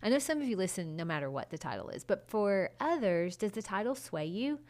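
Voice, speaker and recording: A woman's voice: medium pitch, very animated, brisk, darkish tone. Emphatic woman podcaster chatting casually. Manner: conversational, emphatic, direct address to listeners. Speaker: podcast host and design consultant. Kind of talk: casual solo podcast talk.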